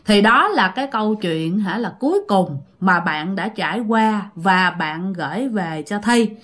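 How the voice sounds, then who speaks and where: A woman's voice: mid-range voice, expressive, a little slow, fairly bright tone. A woman with a Southern Vietnamese accent hosting a channel, retelling listener-sent ghost stories in a chatty, repetitive way that speaks directly to the audience. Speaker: storyteller host.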